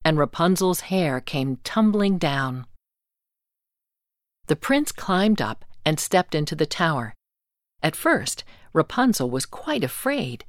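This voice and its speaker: A woman reading a fairy tale aloud as scripted storybook narration, calm and deliberate. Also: sits low, no echo, studio quality.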